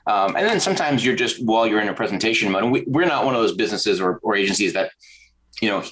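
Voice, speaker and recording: Deep-voiced man, animated storyteller. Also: fast talker, a little hiss or hum, low-quality recording. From American South. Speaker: podcast guest, creative director. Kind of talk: casual interview conversation.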